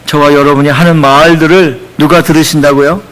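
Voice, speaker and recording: Male pastor, sermon, high voice, emphatic and chatty, echoey church hall. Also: level tone, a little fast, a bit bright. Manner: emphatic, conversational preaching with acted quotes. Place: church sanctuary.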